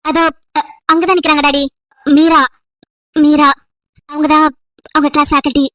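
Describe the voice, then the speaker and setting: A woman's voice: high voice, little pitch movement, normal speed, a bit bright, dry recording, clean studio sound, pitched below the performer's own voice. A woman voicing a protective young woman in an amateur audio drama, soothing and earnest. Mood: hesitant.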